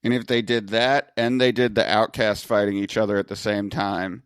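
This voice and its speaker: A man's voice: on the low side, level tone, normal speed, clear, resonant tone, no room sound, clean studio sound. A man from Long Island, hosting a casual wrestling podcast chat, joking and swearing freely. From Long Island, New York. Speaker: podcast host.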